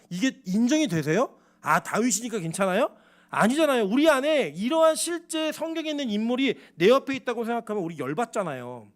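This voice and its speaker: A male pastor preaching a sermon, emphatic and animated, asking the congregation rhetorical questions. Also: high-pitched.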